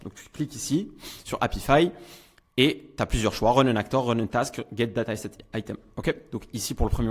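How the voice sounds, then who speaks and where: A young man giving a casual screen-share software tutorial, talking informally with many fillers and frequent check-ins. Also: mid-range voice. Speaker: online business coach.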